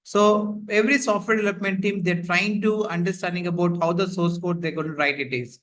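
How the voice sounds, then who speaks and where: This instructor's voice sits high and a bit bright, with fairly even intonation and a slightly fast pace. He's running a live online class on a video call through his computer mic, explaining repetitively and leaning constantly on "like, you know."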